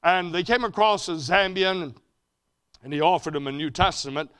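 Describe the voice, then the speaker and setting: A man preaching a sermon at a mission conference, rising to loud emphatic peaks and then dropping low and quiet. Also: moderate pace, clear, resonant tone.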